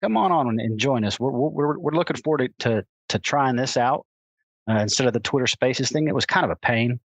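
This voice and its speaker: A Texan man co-hosts a casual podcast, his voice still raspy from being sick. He stops and restarts often, repeating words as he goes, and the sound is dry and close. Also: medium pitch, fairly quick, no echo. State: raspy voice from illness. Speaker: podcast co-host. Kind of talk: casual chat.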